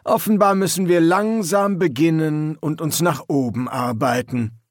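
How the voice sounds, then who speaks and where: A man playing a gruff drill sergeant who barks orders, loud and commanding. His voice rides well above his own, and the sound is dry and close. A storybook sergeant who brooks no nonsense. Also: a little high, a little slow, no echo, pitched above the performer's own voice. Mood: probing. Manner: barking, commanding.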